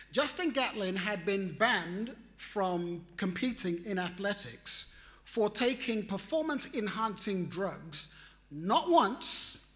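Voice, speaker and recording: A man telling a personal story in a reflective, animated way, acting out his own reactions. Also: high-pitched. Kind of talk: storytelling talk.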